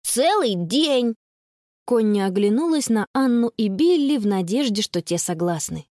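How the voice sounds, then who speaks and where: Woman reading a kids' audiobook, expressive and bouncy, dry sound. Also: medium pitch, moderate pace, no room sound. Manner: expressive storytelling. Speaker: narrator. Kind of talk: children's audiobook narration.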